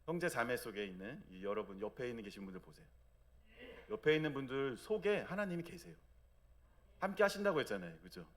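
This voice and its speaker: Brief: thirties male pastor, chatty Sunday sermon, checks in with the congregation, drops soft and low for God's lines. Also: big pitch swings, fast. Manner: conversational, asks the congregation for agreement; acts out God's gentle speech in a soft low voice. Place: church sanctuary.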